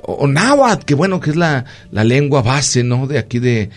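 Faint music plays behind a man of medium pitch talking at a moderate pace. A doctor with a Mexican accent, he hosts a casual radio chat and spins animated stories loaded with fillers.

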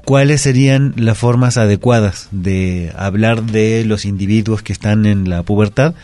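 A man's voice: lowish voice, measured pace, warm tone, no room sound. A man, explaining word usage carefully and methodically as a language expert on a talk segment.

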